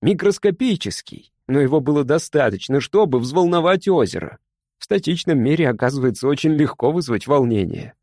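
A man voicing an excitable young man who shouts and rushes his words in a feverish rush. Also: no echo, clean studio sound. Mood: excited. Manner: shouting, high-strung, rushing.

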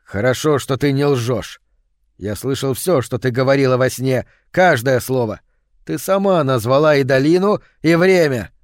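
A man voicing a jealous, hot-tempered Martian husband who talks loudly and sternly, raising his voice. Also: medium pitch, normal speed, dry recording, clean studio sound, natural voice. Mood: angry.

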